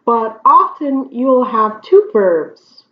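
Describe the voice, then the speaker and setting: Slow, deliberate woman teaching grammar. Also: a little high, big pitch swings. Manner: slow, deliberate explanations with frequent check-ins. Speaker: Spanish teacher. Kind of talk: whiteboard grammar lesson. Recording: dull lo-fi recording.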